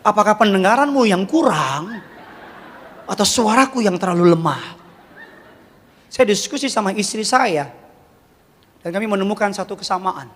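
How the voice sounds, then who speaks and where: High-voiced male pastor preaching in a reverberant church. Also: normal speed, long pauses. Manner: animated preaching with rhetorical questions and humor. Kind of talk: sermon. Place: large church hall. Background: congregation.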